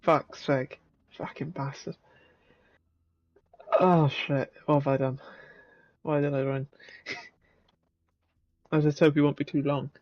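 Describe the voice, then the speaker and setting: Joking South Wales Valleys man, higher voice. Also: flat delivery, takes it slowly, long pauses, no echo, muffled recording. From Caerphilly, Wales. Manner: sweary, joking, laughs often. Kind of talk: casual banter.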